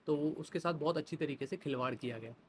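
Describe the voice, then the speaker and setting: A man's voice: on the high side, fast talker, a little hiss or hum. A man teaching English vocabulary for exam prep, chatting through playful classroom examples.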